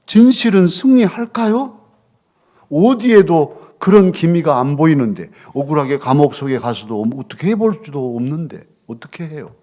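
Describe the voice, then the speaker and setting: Male pastor, middle-aged, expressive sermon delivery with animated pitch, loud then hushed. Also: normal speed. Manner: expressive, swings from loud questions to soft near-whispers. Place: church sanctuary.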